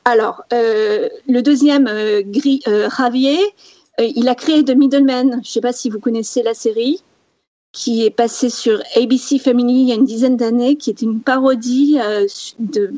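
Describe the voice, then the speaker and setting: A woman speaks on a casual podcast panel, her voice fairly high and mellow in tone. She hesitates and restarts often, filling the gaps. The recording is dry and dull, like lo-fi podcast audio. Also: fairly even intonation, moderate pace, no room sound. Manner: hesitant, many fillers and restarts.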